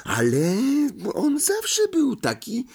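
A man's voice: very high voice, wildly swooping pitch, slow, breathy edge, pitched above the performer's own voice, full character voice. A man voicing a timid young schoolgirl who speaks hesitantly, in an unsure tone. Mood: uncertain.

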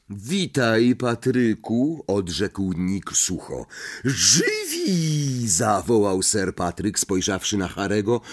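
A man reading an audiobook in a measured, expressive storytelling style, with a husky voice. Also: low-pitched. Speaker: audiobook narrator.

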